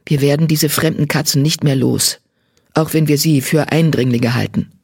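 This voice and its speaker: A reader voicing a broad-shouldered grey tomcat who leads patrols and speaks calmly. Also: mid-range voice, moderate pace, creaky, husky, dry recording, clean studio sound. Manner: calm and composed.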